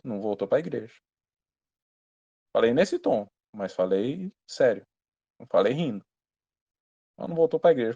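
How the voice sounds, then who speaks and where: A Brazilian man preaching a sermon, emphatic and direct, sometimes speaking hard and sometimes dropping to a low, quiet storytelling tone. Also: gravelly, dull audio.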